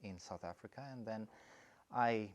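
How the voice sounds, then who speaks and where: A middle-aged Romanian college principal answers interview questions thoughtfully but haltingly, with many fillers and restarts. His voice is on the low side.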